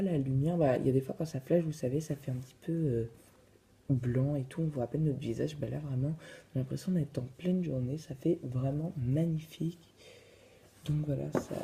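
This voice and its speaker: A man's voice: a little high, vocal fry, warm tone. A man casually reviewing a phone in his vlog, hesitant and full of fillers. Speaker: vlogger.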